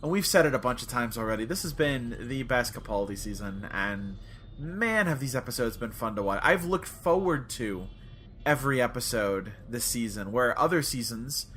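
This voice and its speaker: A man's voice: mid-range voice, lively intonation, moderate pace, a bit bright, a little hiss or hum. A man co-hosting a casual fan podcast, earnest and often restarting sentences. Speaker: podcast co-host.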